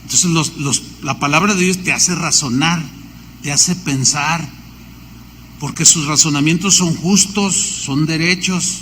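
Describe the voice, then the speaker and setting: A man with a Mexican accent, preaching a sermon as a pastor, animated, with lists and storytelling asides. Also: on the high side, a little slow, in a large hall, slight background noise.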